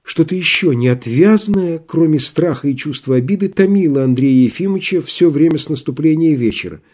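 Guy narrating an old story, dark mellow voice, measured and dramatic. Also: fairly high pitch, animated. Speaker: audiobook reader. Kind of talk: literary narration.

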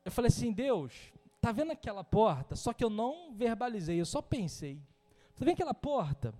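Brazilian preacher guy, real high voice, funny storytelling sermon, long reverb in the church. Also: big pitch swings, fairly quick, dark tone. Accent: Brazilian Portuguese. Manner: storytelling, humorous, acts out dialogue. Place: church hall.

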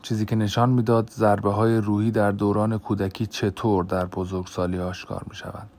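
A man narrating an audiobook in a measured, grave reading voice. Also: lowish voice, flat delivery, a little mellow.

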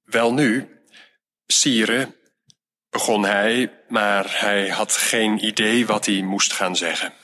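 A man narrating a storybook tale in a slow, measured reading voice. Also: lowish voice, fairly even intonation, sharp tone, slight background noise. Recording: long hall reverb.

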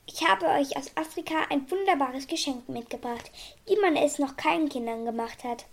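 A woman reading a children's story aloud, voicing a kind, gentle male animal doctor. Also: high voice, animated, normal speed. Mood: kindly.

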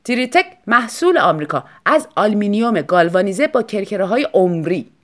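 A woman voicing a courteous man selling storm windows, in an even sales pitch. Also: natural voice. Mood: polite.

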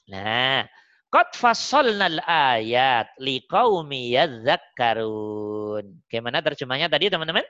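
A man gives an informal religious lesson in a bright, forceful voice, repeating his points and often asking whether everyone follows. The audio is dull and lo-fi, with dry, close sound and no room echo. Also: medium pitch, very animated, takes it slowly, clear, resonant tone. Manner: repetitive, keeps checking that listeners understand. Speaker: Islamic teacher (ustaz).

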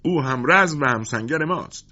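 A man's voice: medium pitch, lively intonation, bright, forceful tone, muffled recording, pitched above the performer's own voice. A man voicing a loyal, passionate soldier in a storybook reading. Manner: passionate, pleading. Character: loyal gruff male soldier.

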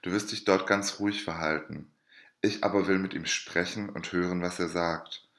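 A man's voice: low voice, steady tone, moderate pace, fairly bright tone, reverberant. A man reading aloud and voicing a scheming, mocking noblewoman who speaks with feigned sweet sympathy. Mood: gloating.

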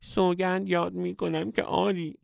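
A man's voice: high voice, flat delivery, gravelly, no echo, clean studio sound, voice pushed up. A man voicing a timid, lovesick young man in a comic story, speaking meekly and pleading. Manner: meek, pleading.

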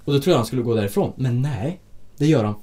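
A man in casual chat, recounting work stories about hotel breakfast guests, acting out the quotes and swearing often. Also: medium pitch. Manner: animated storytelling with acted-out quotes; frequent swearing.

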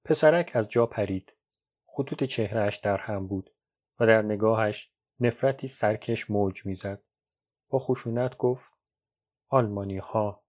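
A man narrating a novel as an audiobook, in a measured, even storytelling read. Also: fairly low pitch. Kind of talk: scripted literary narration. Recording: dull lo-fi recording.

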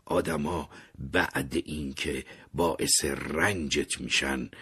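A young man narrating a scripted story in a measured way, sometimes sinking to an unvoiced whisper. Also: very deep voice, sharp tone, husky. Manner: measured, dropping to unvoiced whispers in tense moments.

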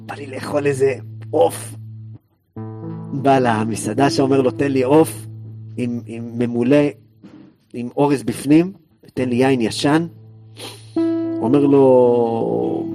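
A man teaching a Torah class, telling a story with lively acted-out dialogue. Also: medium pitch. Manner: animated storyteller acting out characters' lines.

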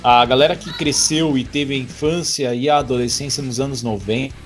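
A man's voice: mid-range voice, steady tone, fairly quick, faint music behind. A man in his twenties hosting a podcast, chatting casually and joking, with many restarts. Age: 20s. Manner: jokey, laughing, rambling with restarts. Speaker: podcast host.

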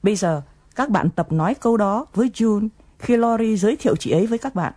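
A woman's voice: medium pitch, expressive, brisk, warm tone, breathy edge. Patient woman teaching English phrases. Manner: patient, coaxing.

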